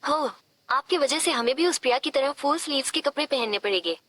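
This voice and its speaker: A woman's voice: high voice, animated, fairly quick, fairly bright tone. A woman voicing an innocent, playful young woman who speaks in a tired, pleading way.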